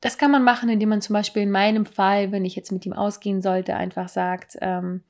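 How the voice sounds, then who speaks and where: A woman's voice: medium pitch, level tone, a little fast, darkish tone. A young woman co-hosting a podcast, chatting casually about dating tips in a rambling way. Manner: chatty, rambling, acts out quoted lines. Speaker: podcast co-host.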